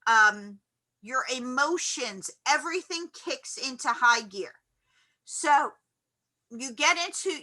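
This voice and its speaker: A woman teaching a college psychology class in a classroom, animated and acting out loud reactions as she explains. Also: on the high side, poor audio. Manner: animated, acts out quoted reactions loudly. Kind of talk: classroom lecture.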